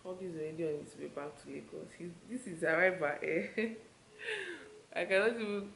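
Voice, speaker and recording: Here a young adult Nigerian vlogger speaks at normal speed in a lowish voice, chatting to her camera inside a hotel room. Her Nigerian-accented talk is easygoing and loose. Audio comes from a handheld camera mic held at arm's length, so it's roomy and carries clear background noise.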